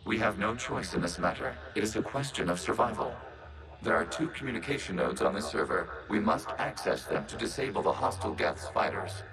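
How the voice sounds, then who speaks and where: A man voicing a calm, emotionless synthetic machine collective in a video game, speaking in flat, clipped, precise announcements. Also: deep voice, a little fast, lightly acted, low-quality recording. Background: loud game music.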